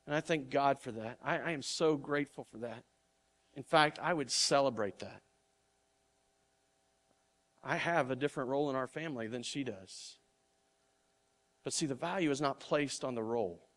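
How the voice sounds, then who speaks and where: Earnest and conversational, a middle-aged male pastor preaches while often starting his words over. His voice is on the high side with a fairly bright tone.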